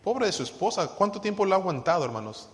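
Guy preaching a sermon, higher voice, quizzes the crowd, big echoey hall. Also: very animated, quick pace. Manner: preaching with questions to the congregation, sings hymn lines. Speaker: pastor.

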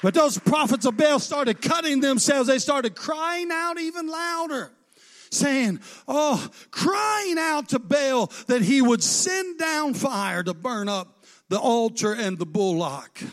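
A male preacher with a strikingly high voice for a man delivers a fervent sermon. He retells a scripture story through dialogue, and his delivery lifts into a chanted, sing-song cadence before breaking into shouts at its peaks. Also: slow pace.

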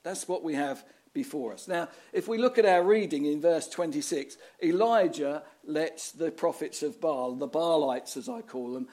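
Male preacher, raised-pitch voice, storytelling sermon delivery. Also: animated, moderate pace, hardly any pauses, mellow. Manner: storytelling, rhetorical questions, dramatic reading of scripture.

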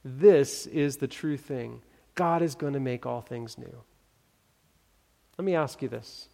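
A man preaching a sermon, reading scripture and telling a story in an earnest, building way with pauses for emphasis. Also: mid-range voice, creaky, dark tone. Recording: long hall reverb.

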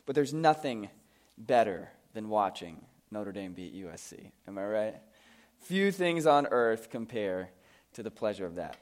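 An American man preaches with a hoarse, strained voice that sounds worn from shouting. His sermon is conversational and informal, full of joking, self-deprecating asides. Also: lowish voice, very animated, unhurried. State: hoarse from screaming the night before.

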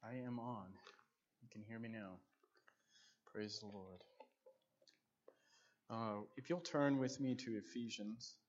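A man's voice: on the low side, slow pace, pauses often, a little mellow. Man preaching at a pulpit microphone, lo-fi. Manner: fervent, repetitive praise in prayer. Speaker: pastor. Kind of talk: sermon with opening prayer.

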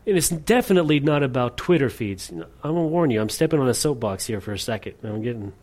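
Guy preaching a sermon, earnest, medium pitch, gets loud then drops to near whispers. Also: lively intonation, quick pace. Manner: earnest, shifts between emphatic and hushed. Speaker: pastor.

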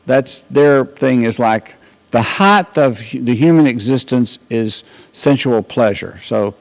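An older man preaches in a loose, storytelling way. He often restarts his sentences, and his voice has a gravelly, creaky edge. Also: mid-range voice, expressive, takes it slowly. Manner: rambling, anecdotal, many restarts. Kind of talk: informal sermon.

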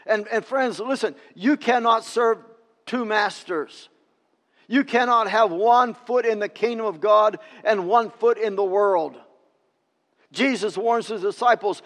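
A male pastor preaching a sermon, emphatic, swinging between loud declarations and hushed appeals, in a church sanctuary. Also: high-pitched, in a large hall.

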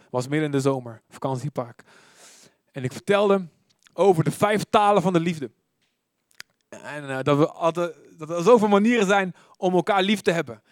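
Lively male preacher, dry close sound. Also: high voice, no echo. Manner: lively storytelling, shifts from loud to whispered. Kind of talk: sermon.

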